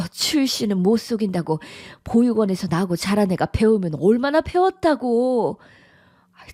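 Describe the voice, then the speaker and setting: A woman's voice: medium pitch, no echo, studio quality, lightly acted. A synthetic voice of a middle-aged woman playing a domineering, contemptuous widowed mother who nags and scolds in a radio drama. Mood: scornful. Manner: nagging, sighing, sharp scolding. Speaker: disapproving mother-in-law.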